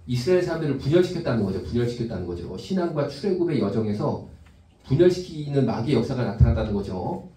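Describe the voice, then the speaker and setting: A man's voice: medium pitch, lively intonation, fast, dark tone. A man, a pastor, preaching a sermon in a conversational way and putting questions to his congregation. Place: church sanctuary. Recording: echoey church from a distance.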